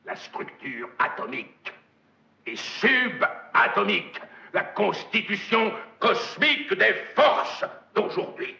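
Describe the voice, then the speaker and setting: An actor playing a domineering, messianic corporate magnate in a film monologue, with hammy, theatrical stage declamation and a gravelly voice. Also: male voice, high-pitched, pushed and bright, heavily acted. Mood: thundering, wrathful. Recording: dull, echoey film soundtrack.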